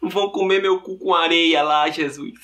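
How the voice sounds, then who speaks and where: A melodramatic teenage girl, played by a man, whines and swears in a bright, mid-pitched voice. She flips between self-pity and rage. The sound carries a roomy echo. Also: steady tone, moderate pace, lightly acted. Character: foul-mouthed teenage girl, dramatic and hot-tempered.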